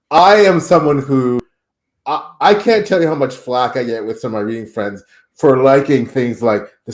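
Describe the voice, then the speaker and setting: A man hosting a podcast interview, enthusiastic and rambling, often repeating words as he talks. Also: medium pitch. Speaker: podcast host. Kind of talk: casual interview chat. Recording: roomy echo.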